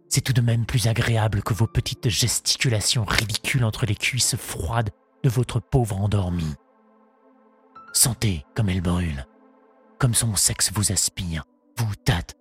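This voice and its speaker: A man voicing a husky, imperious baron. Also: lowish voice, full character voice. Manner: imperious, scolding, instructing. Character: commanding aristocratic male baron, scornful. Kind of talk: audiobook character voice.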